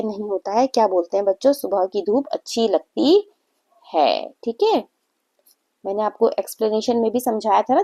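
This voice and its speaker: A young woman teaching a grammar lesson to children, patient, repeating words slowly and often checking in with the class. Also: a little high, darkish tone. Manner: frequent "theek hai" check-ins.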